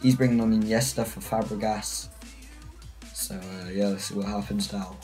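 A man's voice: on the low side, steady tone, moderate pace, a little mellow, soft background music, rough recording. A British man giving a casual, rambling, self-mocking voice-over on his own football gameplay. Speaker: gaming channel host.

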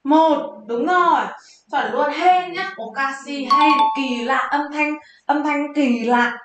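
Over loud music, a high-voiced woman slowly teaches Japanese exam vocabulary, quizzing viewers and then answering herself in a lively, chatty way. She's in a very echoey room, so her voice rings out strongly.

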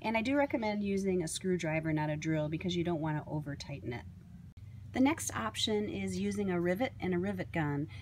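A woman giving a step-by-step product installation demonstration, explaining clearly as she works with tools beside a kayak. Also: on the low side, fairly quick, a little mellow, a little hiss or hum. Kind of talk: instructional how-to demonstration.

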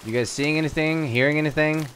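A man's voice: on the high side, fast talker, a bit bright, a little hiss or hum. A man hosting a gaming video, chatting casually with his co-op partners as he plays. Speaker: host of a gaming video series. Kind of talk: casual co-op gameplay chat.

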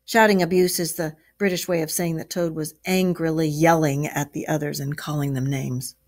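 A woman teacher reads a story aloud to a class, pausing to explain phrases and ask her listeners questions. Her voice sits a little low. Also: fairly even intonation, darkish tone.

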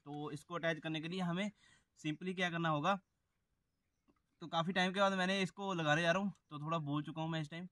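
A young vlogger from Himachal Pradesh, India, chats casually with his viewers as friends while camping in a grassy, wooded field, holding the camera at arm's length. His voice is a little high, bright and forceful, with a steady tone and a slightly fast pace, and the sound is clean studio quality with no echo.

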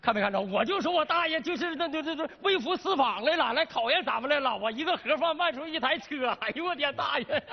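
A man with a Northeastern Mandarin accent playing an excitable, fawning car salesman in a comedy sketch. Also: high voice. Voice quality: exclamatory, quick to wail and laugh. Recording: slightly muffled broadcast audio.

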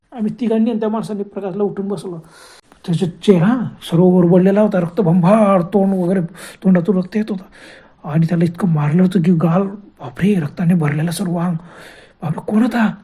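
A man narrating a first-person horror story in a dramatic, breathless way, with sudden loud cries. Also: high voice, slightly rough.

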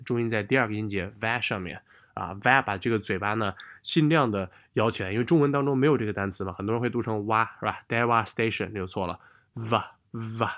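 A man tutoring English exam reading in Chinese, patiently explaining and modelling the words aloud slowly. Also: fairly low pitch, a bit bright. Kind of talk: exam-prep lesson.

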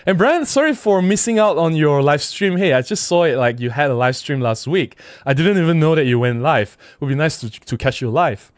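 Chatty man hosting a livestream, higher voice. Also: no room sound, clean studio sound. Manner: chatty, reads comments aloud, frequent "right?" and laughs. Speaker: photography livestream host. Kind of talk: casual livestream chat reading viewer comments.

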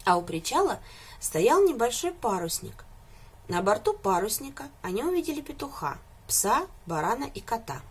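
A woman reading a fairy tale aloud for children in a lively, expressive way. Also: a little high, normal speed, slightly rough.

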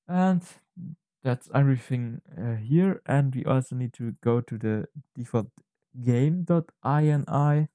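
A man presents an unscripted screen-recorded tutorial at an unhurried pace, his medium-pitched voice soft-edged and mellow. He explains each step hesitantly, often halting to find words, and the sound is close and dry.

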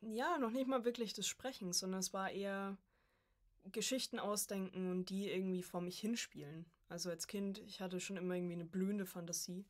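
Talking a little fast in a steady, mid-range voice, a voice acting student from Coburg, Germany, joins a podcast as a guest. In her early twenties, she chats informally about herself and tells personal stories.

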